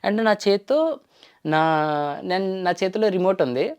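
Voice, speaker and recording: A man's voice: high-pitched, animated, measured pace, a little mellow, clean tone. Rambling young man telling a story. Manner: rambling, with frequent restarts and fillers. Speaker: YouTuber. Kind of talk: casual personal storytelling.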